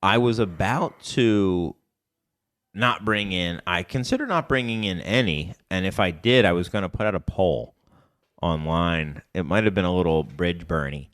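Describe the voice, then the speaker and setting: A man's voice: low-pitched, normal speed, fairly bright tone, no echo, clean studio sound. A man co-hosting a casual podcast chat, rambling and correcting himself as he goes. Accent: Chicago. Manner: rambling, self-correcting, hedging. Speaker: podcast co-host, beer bar owner.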